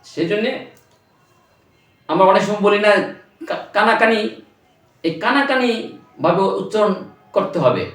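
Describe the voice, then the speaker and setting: A man with a high voice teaches recitation in a slow, patient, instructive way, breaking into drawn-out chanting to demonstrate. He sounds set back from the microphone, and the room around him is echoey. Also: expressive, fairly bright tone, far from the mic. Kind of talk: recitation lesson, explaining and demonstrating.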